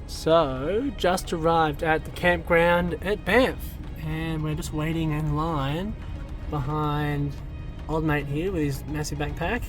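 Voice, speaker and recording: A man's voice: fairly high pitch, steady tone, takes it slowly, music in the background. A young man hosting a travel vlog outdoors, chatty and self-deprecating. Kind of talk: casual travel vlog narration. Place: outdoors at a campground.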